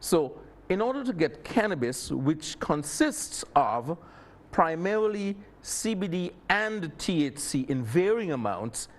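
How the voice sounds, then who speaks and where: A man's voice: on the high side, big pitch swings, measured pace. A man from Saint Kitts, explaining things emphatically as an expert guest in a panel discussion.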